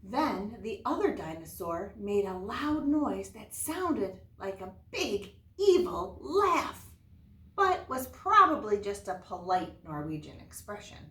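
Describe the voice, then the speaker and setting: Reading aloud and asking questions during an early-grade lesson, a woman explains things simply for young children. She speaks slowly in a fairly bright mid-range voice with wide pitch swings, recorded roomily on a distant mic with faint noise.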